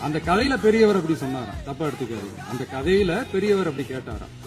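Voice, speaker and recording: A man delivering a political speech in a sarcastic, mocking manner, repeating lines for effect and rising to shouts. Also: on the high side, very animated, fast talker, over music, a crowd in the background. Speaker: political leader.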